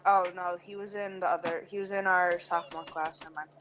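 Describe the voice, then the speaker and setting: A woman's voice: on the low side, fairly even intonation, a little fast, noisy background. A young woman telling a rambling school story with lots of fillers and self-corrections, casual talk with friends over an online game chat. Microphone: headset mic on the shoulder. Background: chickens clucking.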